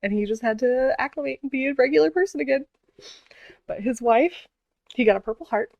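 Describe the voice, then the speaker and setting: A woman's voice: high-pitched, fairly quick, creaky, a little mellow, no echo, muffled recording. A woman vlogger telling a story in a casual, earnest way, with many fillers and restarts.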